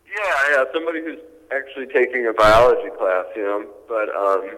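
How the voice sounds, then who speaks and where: A man's voice: mid-range voice, fairly quick, a bit bright, in a large hall, poor audio. A young man talking casually over a phone speaker, rambling with lots of fillers and restarts. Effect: heard over a phone speaker. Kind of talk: casual chat.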